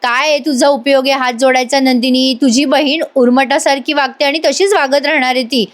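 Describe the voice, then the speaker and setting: A proud, sharp-tongued aunt scolds and taunts in a nagging tone, as a woman reads her lines. The voice sits high. She keeps needling without letup. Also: steady tone, fairly quick, lightly acted. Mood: scolding.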